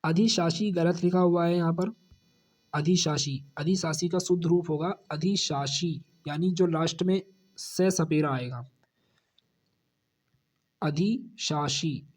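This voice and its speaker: Male hindi teacher going over spelling, talks real slow, voice a bit high, repeats words and drops low. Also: a little mellow. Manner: slow, repeats each corrected word, drops low on the answer. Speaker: exam coaching teacher.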